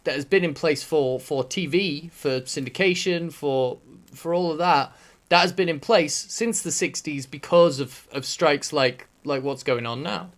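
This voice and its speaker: A man co-hosting a podcast, talking casually in an animated, jokey way and swearing freely. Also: on the high side, a little slow. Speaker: podcast co-host. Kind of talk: casual chat.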